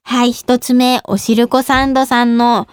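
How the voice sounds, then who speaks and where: A woman's voice: on the high side, flat delivery, normal speed, smooth, no echo, clean studio sound. A woman in her twenties hosting a radio show in casual, giggly talk, often laughing at herself. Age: 20s. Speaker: radio show host and idol.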